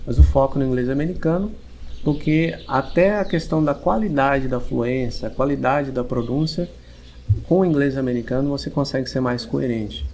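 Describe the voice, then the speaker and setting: A man with a Brazilian Portuguese accent, an English teacher giving long, measured explanations as a podcast guest, often restarting his sentences. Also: mid-range voice, darkish tone, a little hiss or hum. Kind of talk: podcast interview.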